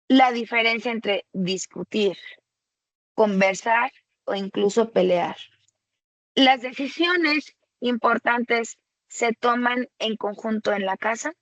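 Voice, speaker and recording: Slow-speaking woman giving a webinar. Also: a little high, a bit bright, no room sound, poor audio. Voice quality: frequent rhetorical "¿sale?". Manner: slow, explanatory and conversational. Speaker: webinar presenter for tutors. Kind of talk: webinar lecture.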